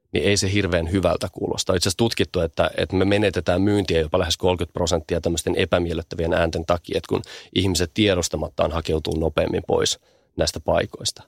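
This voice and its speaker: A man's voice: sits low, gravelly, dry recording, studio quality. A man speaking as a guest, explaining how sound affects people in a thoughtful conversational way, often repeating small words as he thinks.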